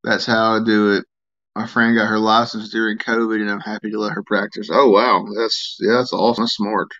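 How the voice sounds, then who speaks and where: A sleepy man with a drawl and a lowish voice chats his way through a live stream. He rambles in a relaxed way, answering viewers' comments. The sound is a bit dull and lo-fi. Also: fairly quick. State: tired, yawning.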